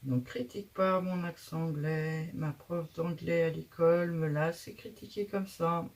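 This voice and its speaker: A woman's voice: deep voice, fairly even intonation, a little slow, darkish tone, a little hiss or hum. A woman hosting a casual craft tutorial, chatting and thinking aloud as she works, with frequent hesitations.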